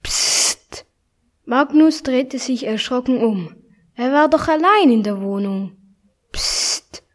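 A woman reading a children's story aloud in a gentle, expressive manner. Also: high-pitched, measured pace. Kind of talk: scripted storybook narration.

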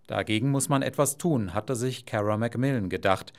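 A man narrating a news report in a measured, scripted voice-over. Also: mid-range voice.

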